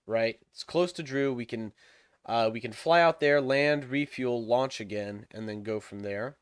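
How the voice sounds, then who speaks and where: A young man hosts a game livestream, chatting casually and thinking out loud with plenty of fillers while sniffling through a stuffed-up nose. He uses a desk microphone, and his medium-pitched voice is clear and resonant at a measured pace, with no echo.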